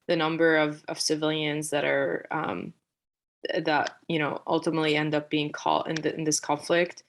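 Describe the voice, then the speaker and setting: A woman from Syria speaking as a panelist on a video call, measured with frequent fillers. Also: sits low. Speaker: panelist, legal fellow. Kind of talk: panel discussion.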